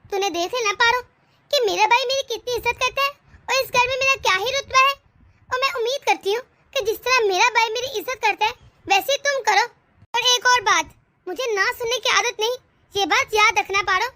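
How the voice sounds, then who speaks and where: A woman's voice: very high-pitched, a little fast, pushed and bright. A woman voicing a scheming, bossy sister-in-law in a cartoon, taunting and sly. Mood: smug. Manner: taunting, sly, self-pitying. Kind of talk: cartoon voice acting.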